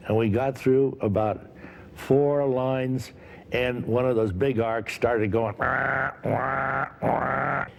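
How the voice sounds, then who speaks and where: An older man being interviewed tells animated stories from a film set. He acts out the shouting with energy, at a medium pitch.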